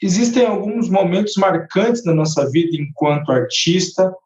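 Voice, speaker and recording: A man's voice: high voice, expressive, normal speed, a little mellow. A man, a rapper and composer, talking thoughtfully in a casual panel conversation, often restarting his phrases. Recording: echoey, muffled online call audio.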